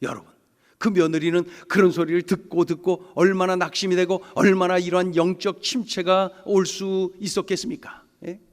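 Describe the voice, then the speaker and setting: High-voiced preaching pastor in reverb. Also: male voice, flat delivery, moderate pace. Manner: emphatic preaching with repeated questions to the congregation. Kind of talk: sermon. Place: church sanctuary.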